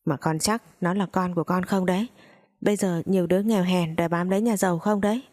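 A woman's voice: lowish voice, fairly even intonation, fast talker, darkish tone, close to an everyday voice. A woman voicing a scornful, scolding rich old mother-in-law in a storybook reading. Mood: suspicious. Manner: sneering, scolding.

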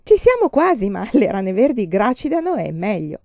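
Woman reads a patient young woman, gentle and explanatory, warm low voice, dull recording. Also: big pitch swings, moderate pace, dry recording. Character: patient young woman teaching a word game.

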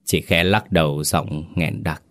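A man narrating a ghost story in a steady, dramatic way. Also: a bass voice, measured pace.

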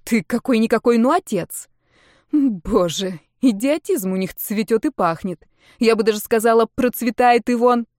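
A woman's voice: on the high side, normal speed, darkish tone, dry recording, studio quality, lightly acted. A woman voicing a jealous, protective middle-aged wife who speaks in an indignant, pointed way.

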